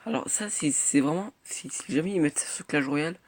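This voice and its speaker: A teenage boy rambles through casual gameplay commentary, his voice sitting a little high. He fills gaps with hesitations and mutters or swears at the game. Steady background noise hums under the recording. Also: a little fast. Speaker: gaming youtuber. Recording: noisy home recording.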